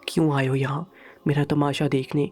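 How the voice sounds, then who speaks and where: A man's voice: fairly high pitch, little pitch movement, darkish tone, faint music behind, close to an everyday voice. A man voicing a hurt, tearful young daughter in a storybook reading, with a pained, pleading delivery. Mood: angry.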